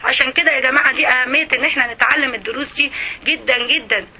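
A woman with an Egyptian Arabic accent giving an emotional religious lesson to women, often pausing to check that her listeners follow. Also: high voice, bright, forceful tone, breathy edge. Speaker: religious teacher.

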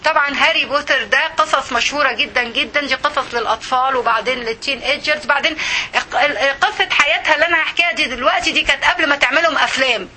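A woman's voice: high-pitched, rapid-fire, pushed and bright, slight background noise. A woman with an Egyptian Arabic accent, giving a religious lesson to a women's circle in an impassioned way, full of rhetorical questions. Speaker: religious teacher.

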